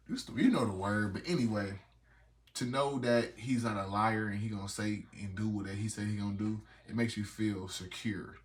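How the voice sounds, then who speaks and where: A man's voice: on the low side, fairly bright tone, slight background noise. A man in his thirties talking loosely off the cuff in a casual vlog, reading devotional passages aloud. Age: 30s. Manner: loose and rambling, reads scripture aloud. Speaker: vlogger.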